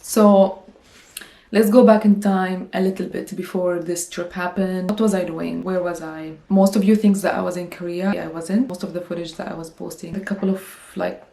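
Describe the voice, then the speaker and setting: A woman in her twenties, from Syria and raised in the Emirates, narrating her vlog in a relaxed, chatty voice-over. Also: fairly low pitch, normal speed, vocal fry, roomy sound, low-quality recording. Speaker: vlogger.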